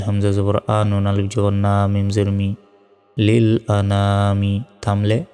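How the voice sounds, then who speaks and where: Low, slow-chanting male Quran teacher. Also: clear, resonant tone. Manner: spells out letters and vowel marks, then recites slowly in a drawn-out chant. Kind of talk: slow spelling-out lesson with recitation. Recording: reverberant room with soft music.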